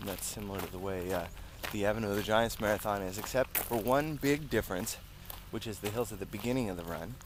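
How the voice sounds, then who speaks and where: An American man records a casual vlog while out running. He sounds tired from the effort and talks in loose, broken phrases with pauses. His voice sits at an average pitch, with clear outdoor noise around it. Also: fairly bright tone. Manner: talking while out on a long run, with pauses and breaks for breath. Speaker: running vlogger. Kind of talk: casual vlog chat to viewers. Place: outdoors on rural roads.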